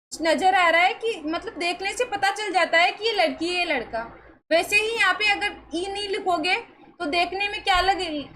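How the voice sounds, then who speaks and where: Female online teacher with a high voice, coaxing and reassuring, quizzing students. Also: a bit bright, a little hiss or hum, low-quality recording. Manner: asks the class questions and answers them herself. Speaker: English pronunciation teacher. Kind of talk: online classroom lesson.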